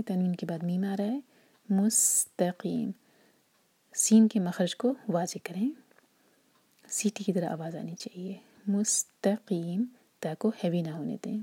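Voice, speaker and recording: Woman talking soft and half whispered, low mellow voice, slow careful recitation lesson, dry close sound. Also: slightly rough, no room sound. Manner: soft, often whispered explanations between slow drawn-out recited words. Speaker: Quran recitation teacher.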